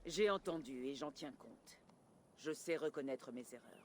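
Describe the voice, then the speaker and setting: A firm Viking chieftain. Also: female voice, very deep voice, lively intonation, moderate pace, darkish tone, slight background noise. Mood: resolute. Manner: firm, determined. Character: proud young female Viking chieftain. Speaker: clan leader. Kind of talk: dubbed video game drama.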